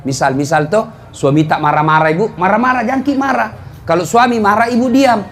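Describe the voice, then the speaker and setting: High-voiced comic male preacher. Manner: lively storytelling with comic voices and drawn-out chanted prayers. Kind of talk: humorous sermon to a live congregation.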